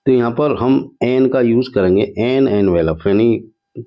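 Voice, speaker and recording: A male teacher walking through an exam paper step by step, reading the English sentences out slowly. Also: medium pitch. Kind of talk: exam paper walkthrough lesson. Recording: dull lo-fi sound.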